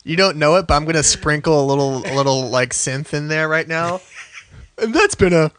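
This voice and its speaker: A man's voice: a little high, fairly even intonation, brisk, a bit bright, a little hiss or hum. A man co-hosting a podcast in wry, joking casual chat. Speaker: podcast co-host.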